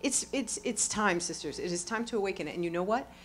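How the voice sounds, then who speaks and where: A middle-aged woman talking onstage at a live event, exuberant and profane, swinging from quiet remarks to loud exclamations and laughing often. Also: mid-range voice, a little fast, slight background noise. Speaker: award honoree speaking onstage. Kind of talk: lively onstage conversation with profanity.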